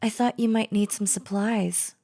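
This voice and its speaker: A medium-pitched, fairly evenly intoned woman's voice with a dark tone, close to an everyday one, speaks at normal speed. She's acting a chatty female zombie in an audio roleplay, casually coaxing the listener in a falsely friendly, sly, wheedling drawl.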